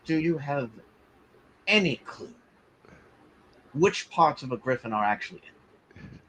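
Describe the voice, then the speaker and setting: A man joining in the banter of a tabletop game, his pitch moving a lot. His voice is bright and his delivery playful and exclamatory. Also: lively intonation, measured pace, slight background noise. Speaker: player. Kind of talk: tabletop role-play banter.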